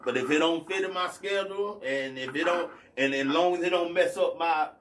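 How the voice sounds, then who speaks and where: A man's voice: on the high side, fairly quick, a bit bright, slight background noise. Rambling man in his forties. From Athens, Georgia, US. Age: 40s. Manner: rambling, peppers talk with "you know what I'm saying". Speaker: guest R&B artist. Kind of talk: casual podcast conversation.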